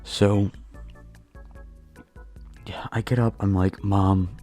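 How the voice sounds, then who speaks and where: A young man telling a casual storytime, keeping his voice down in a dark room at night. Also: fairly low pitch, level tone, extremely slow, soft background music. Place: dark bedroom at home. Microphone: new home mic.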